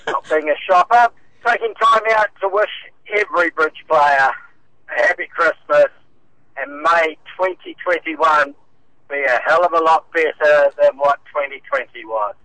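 A man's voice: fairly high pitch, unhurried, bright, forceful tone, no room sound, rough recording. A man calling in on a speakerphone from his car, chatting casually and chuckling between remarks. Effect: speakerphone call from a moving car. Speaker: bridge association chairman, radio guest. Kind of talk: casual phone-in chat.

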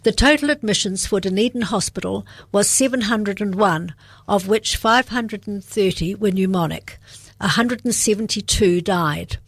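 A woman, presenting a heritage radio segment in a measured storytelling read. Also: medium pitch, dry recording. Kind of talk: scripted heritage narration.

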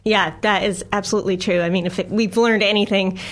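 A middle-aged American woman, a science filmmaker, is a guest in a radio interview, speaking quickly in a medium-pitched voice with fairly even intonation. She's enthusiastic, laughs often and uses many fillers.

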